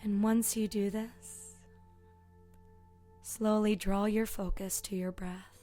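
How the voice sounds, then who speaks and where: Her voice mid-range and flat, a woman guides a meditation in her role as a yoga teacher. Soft, soothing speech with long pauses sometimes trails into a breathy whisper, and soft meditation music with singing bowl tones fills the background.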